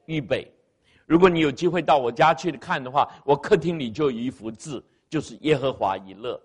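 A man's voice: mid-range voice, fairly quick, breathy edge. A man preaching a sermon in church into a microphone, repeating key phrases for emphasis and calling on the congregation to answer aloud. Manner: engaging the congregation, asking them to answer aloud. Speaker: pastor. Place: church sanctuary with sound system. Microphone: amplified microphone.

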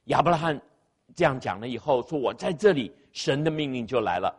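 A man's voice: mid-range voice, animated, brisk. A man preaching a sermon in church into a microphone, repeating key phrases for emphasis and calling on the congregation to answer aloud. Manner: engaging the congregation, asking them to answer aloud. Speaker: pastor. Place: church sanctuary with sound system. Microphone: amplified microphone.

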